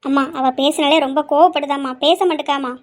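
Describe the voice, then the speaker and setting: A woman's voice: high voice, fairly even intonation, a little fast, close to an everyday voice. A woman voicing an eager younger sister who coaxes her angry elder sister. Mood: coaxing. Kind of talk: amateur family drama.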